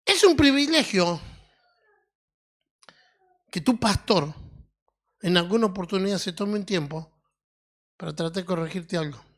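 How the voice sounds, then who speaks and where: A woman with an Argentine accent preaching a sermon in a deliberate teaching tone, often checking in with her listeners. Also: lowish voice, expressive. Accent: Argentine Spanish. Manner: deliberate, teaching tone with frequent questioning "mm?" tags.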